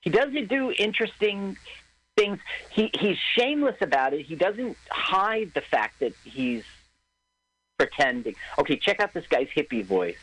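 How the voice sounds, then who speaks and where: A man's voice: high voice, big pitch swings, a little slow, a bit bright, husky, poor audio. A man co-hosting a casual film commentary, talking in an opinionated, analytical way.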